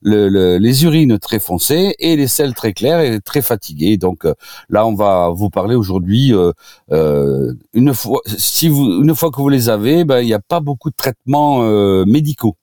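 A man with a low, mellow voice, recorded dry and close. He talks like a doctor giving informal advice on a radio programme, feeling his way through phrases with repeats and restarts. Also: expressive, no room sound. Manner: hesitant, halting, repeats and restarts words. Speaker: doctor, radio show expert guest.

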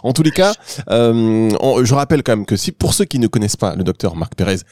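A man's voice: lowish voice, expressive, fairly quick, darkish tone, no echo. Man, radio host, chatty, bantering, dry studio sound. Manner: chatty, bantering and complimentary toward the guest. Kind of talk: radio interview.

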